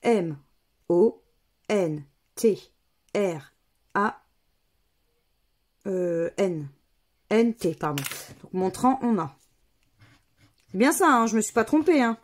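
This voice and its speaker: Slow, methodical woman vlogger. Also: mid-range voice, lively intonation. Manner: methodical, spells out letters and numbers one by one. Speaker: scratch-card vlogger. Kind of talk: casual commentary while playing scratch games.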